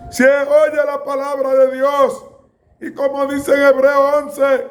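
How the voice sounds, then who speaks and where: A man preaching a sermon in a slow, emphatic way, with bursts of raised voice. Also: very high-pitched.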